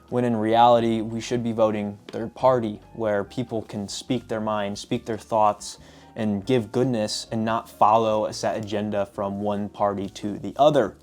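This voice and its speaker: A man casually summarizing lessons from books, telling stories in an animated way with repeated filler phrases. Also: mid-range voice. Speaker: book reviewer. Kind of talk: casual book summary vlog.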